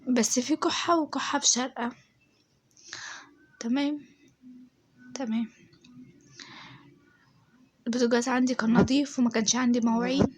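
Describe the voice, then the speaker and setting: Speaking in a voice-over about her routine at home, this woman with an Egyptian Arabic accent chats to her viewers, checking in often and using lots of fillers. Her voice is on the high side and seems a bit off, as if slightly changed. There's a faint hiss or hum.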